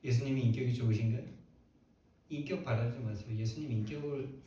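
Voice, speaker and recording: A male pastor preaching a sermon in a church, emphatic and quick to put rhetorical questions to the congregation. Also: medium pitch, warm tone, a little hiss or hum. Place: church sanctuary. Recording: very echoey church hall, mic far off.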